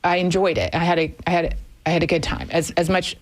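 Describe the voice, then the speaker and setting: A woman's voice: fairly low pitch, fast. A woman in her fifties, a guest on a radio talk show, speaking candidly and thoughtfully, with frequent fillers. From Germany. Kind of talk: conversational radio interview. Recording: radio studio.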